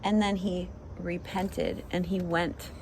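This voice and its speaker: A woman's voice: fairly low pitch, steady tone, slow, creaky, darkish tone, a little hiss or hum. A young adult woman hosting a casual Bible chat, chatty, often laughing, and acting out the people she quotes. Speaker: devotional host.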